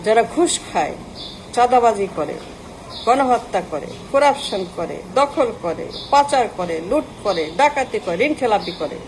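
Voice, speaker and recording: A woman's voice: on the high side, expressive, measured pace, a little hiss or hum, low-quality recording. A woman giving an impassioned political rant, firing off long lists of insults and mixing in English words. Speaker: political commentator.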